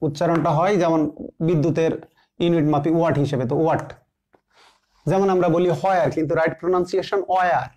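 A man teaching English grammar, slowly repeating example sentences word by word and answering his own questions. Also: fairly high pitch, fairly even intonation, darkish tone. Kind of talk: classroom grammar lesson.

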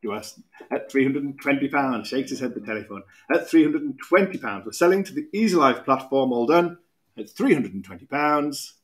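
A man in his thirties with a British accent, working as an auctioneer at a podium, calling bids in a brisk, repetitive rhythm with quick asides. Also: medium pitch, animated. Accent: British English. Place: auction room podium, indoors.

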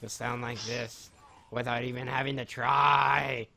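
A man's voice: mid-range voice, flat delivery, unhurried, gravelly, pushed and bright. A man joking around while gaming with a friend, his voice coming through with a glitchy, buzzing robot-like distortion. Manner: jokey, mock-serious announcer lines. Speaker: gamer playing co-op with a friend. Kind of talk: casual gameplay banter.

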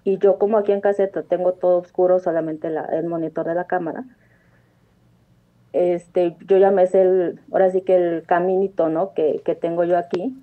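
A woman speaks over a thin, tinny phone line, her voice sitting slightly low. She tells her story earnestly, circling back with restarts and fillers. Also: flat delivery, normal speed. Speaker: caller. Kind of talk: telling a personal story on a phone-in show.

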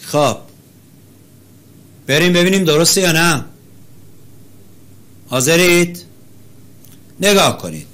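A male teacher leading an interactive class, calling on students by name, praising their answers and chanting syllables slowly to show the rhythm. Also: a little high, expressive, fairly bright tone.

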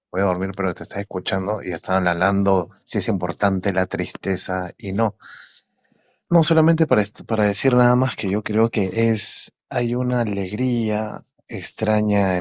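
Caller, a man with a lowish voice, rambling and reflective, on dull, dry call audio. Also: no room sound. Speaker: livestream caller. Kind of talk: casual chat.

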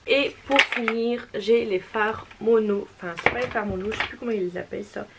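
A woman's voice: medium pitch, fairly even intonation, fairly quick, gravelly, very noisy. A woman beauty vlogger talking casually to camera, chatty and repetitive, filling gaps with little asides. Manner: chatty, repeats "voilà" often, apologetic. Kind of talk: casual makeup haul vlog.

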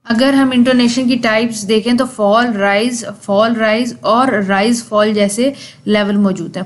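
A young woman gives a lecture, her voice sitting a little high. She works through each point step by step and says examples aloud. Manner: explains step by step with spoken examples. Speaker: teacher.

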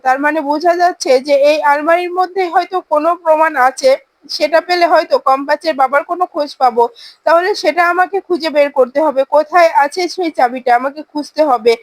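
A woman's voice: very high-pitched, no echo. A woman voicing a heartbroken estranged wife and mother, wistful and searching.

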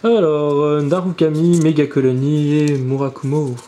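With a warm, steady, mid-range voice at a moderate pace, this channel host keeps up chatty, rambling commentary while opening trading card boxes, dropping in a swear now and then. The indoor room echoes, and birds are audible outside.

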